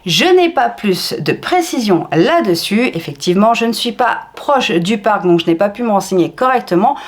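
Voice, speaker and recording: Woman, vlogger, enthusiastic chatty delivery, animated pitch. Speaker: theme park vlogger. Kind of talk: casual vlog narration.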